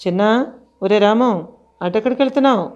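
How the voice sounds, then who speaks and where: A woman's voice: medium pitch, a little fast, a little mellow, lo-fi sound, natural voice. A woman voicing a worried mother who scolds her young son in a storybook tale. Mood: alarmed. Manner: anxious and scolding.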